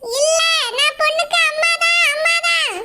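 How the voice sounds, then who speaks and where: A woman plays a shrill, boastful cartoon mother who sells tea. Her voice sits very high and she insists on every point, heard over a noisy track. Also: steady tone, moderate pace. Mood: insistent. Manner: defensive, insistent.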